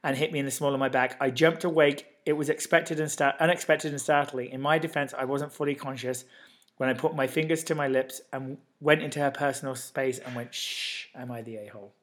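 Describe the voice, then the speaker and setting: A man co-hosting a casual podcast, reading posts aloud in a lively way, with a lingering cough. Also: medium pitch, a little fast. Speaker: podcast co-host.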